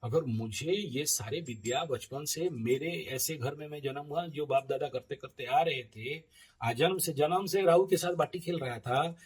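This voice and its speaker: Husky male astrologer telling lively stories. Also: a little high, moderate pace, rough recording. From eastern India. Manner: animated storyteller, laughs often, shifts loud and soft. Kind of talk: casual spoken monologue.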